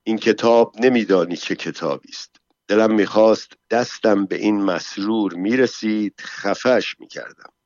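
A man's voice: on the low side, a little mellow, no echo, lightly acted. A man doing a brooding young guard. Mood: sheepish. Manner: muffled, brooding. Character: young male guard lost in a novel.

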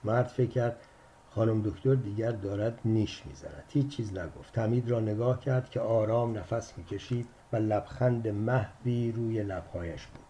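A man narrating a short story in a measured, steady way. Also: lowish voice, slight background noise.

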